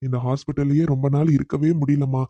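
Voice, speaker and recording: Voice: mid-range voice, level tone, quick pace, mellow, no room sound, dull audio, close to an everyday voice. A performer voicing a tired man recovering in hospital, who sounds weary and relieved. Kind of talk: cartoon voice acting.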